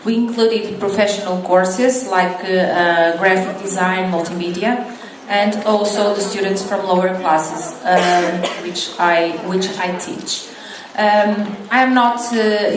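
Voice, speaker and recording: A middle-aged woman from Portugal, an English teacher giving a conference talk, hesitant with many fillers and restarts. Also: medium pitch. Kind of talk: conference presentation. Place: conference hall. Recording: echoey hall from far off, faint noise.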